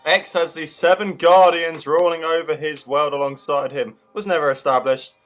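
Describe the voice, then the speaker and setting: A man's voice: fairly high pitch, steady tone, moderate pace, fairly bright tone. A man reading a story aloud to friends, exasperated, swearing and stumbling over the names. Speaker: reader of the story. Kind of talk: casual comedic read-along.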